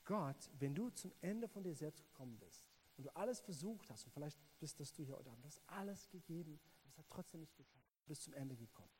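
A South African man, a native English speaker with a South African accent, preaches a sermon earnestly and haltingly, frequently repeating words and speaking straight to the listener. His voice is fairly high and somewhat mellow with lively intonation, and a faint hiss or hum can be heard.

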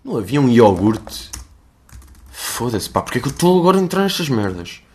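With a mid-range, slightly mellow voice that swings widely in pitch, a young man talks a little fast in a European Portuguese accent. He hosts a casual solo podcast, rambling, mocking himself, and swearing often.

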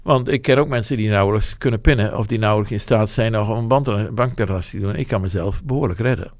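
A man's voice: on the low side, fast talker, darkish tone, no echo. A man, talking frankly and at length about his business life, rambling and self-deprecating. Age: 70s. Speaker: interviewee, business owner. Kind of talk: reflective interview talk.

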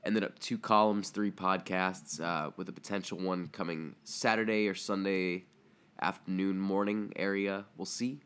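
A man's voice: sits low, steady tone, moderate pace, fairly bright tone, smooth. A young man hosting a casual podcast, his voice stuffy from a cold, talking loosely with lots of ums and uhs. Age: young adult. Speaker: podcast host. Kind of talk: casual solo podcast chat.

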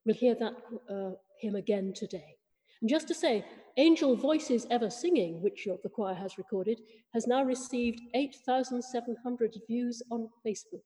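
Lady vicar leading church, formal measured delivery, mellow voice, big cathedral echo. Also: fairly high pitch. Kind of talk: liturgy and welcome notices. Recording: long church reverb.

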